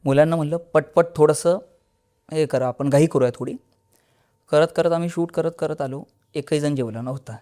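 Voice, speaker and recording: A man with a Marathi accent recounts a real haunted experience as a podcast guest. His voice sits fairly high, and he drops it low and quiet when he acts out what people said. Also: moderate pace. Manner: storytelling, acting out dialogue in a lowered voice. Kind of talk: telling a horror experience.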